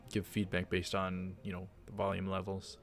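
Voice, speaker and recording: A deep, monotone male voice reads a visual novel at a moderate pace as part of a let's play. He interrupts himself with hesitant, rambling, casual remarks, with the game's music faint in the background.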